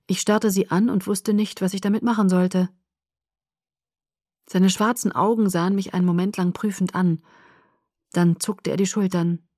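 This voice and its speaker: A woman narrating a novel in the first person, softly and subdued, at times near a whisper. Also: medium pitch, fairly even intonation, normal speed, pauses often, dry recording, studio quality. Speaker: audiobook narrator.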